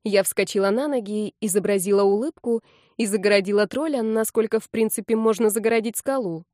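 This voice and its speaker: A woman's voice: medium pitch, a little fast, darkish tone, no echo, studio quality. Woman narrating a wry audiobook. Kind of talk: first-person audiobook narration.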